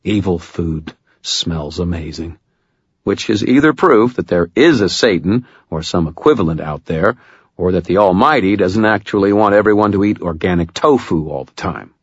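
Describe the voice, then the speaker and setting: A man's voice: low voice, animated, normal speed, husky, no room sound, dull audio. A man narrating a first-person audiobook with wry, dry humor.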